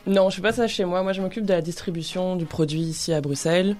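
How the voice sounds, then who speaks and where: A woman's voice: lowish voice, steady tone, fast talker, a little mellow. Hesitant young woman guest. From Brussels. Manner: hesitant, many fillers, laughs. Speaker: radio guest. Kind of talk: casual radio interview.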